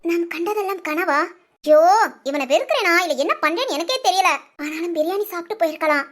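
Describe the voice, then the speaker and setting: Woman voicing a very high, bright-toned cartoon young wife, excitable and whiny. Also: fast talker. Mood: fretting. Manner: excitable, whiny complaints, giggly. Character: chatty young wife in a cartoon family comedy. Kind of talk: cartoon voice acting.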